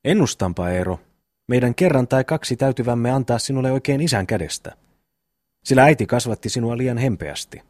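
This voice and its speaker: A man's voice: medium pitch, lively intonation, a little mellow, no room sound, studio quality, natural voice. A man reading the lines of a hot-tempered eldest peasant brother who speaks bluntly. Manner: blunt, quick to threaten.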